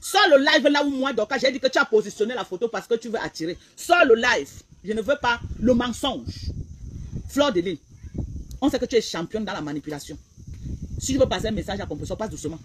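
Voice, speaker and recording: A woman's voice: mid-range voice, expressive, brisk, breathy edge, low-quality recording. A woman blogger, delivering a heated, repetitive, confrontational rant on a live stream.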